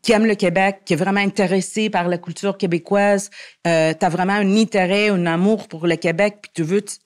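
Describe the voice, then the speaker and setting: A woman's voice: mid-range voice, fairly even intonation, fairly quick. Woman guest, French speaker, earnest and argumentative, restarts often mid-sentence. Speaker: guest columnist. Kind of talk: podcast interview conversation.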